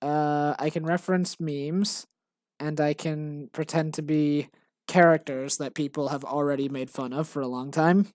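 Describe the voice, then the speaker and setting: In a deep, darkish voice, a game developer streams herself working and chats about her game at a measured pace with a steady tone. She rambles, mocks herself, and uses many fillers and restarts. The sound is clean studio quality with no room sound.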